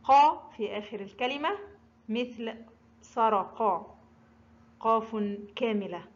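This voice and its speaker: A woman teaching the Arabic alphabet, saying each letter and example word slowly and distinctly. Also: a little high, lo-fi sound. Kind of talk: slow, deliberate pronunciation lesson.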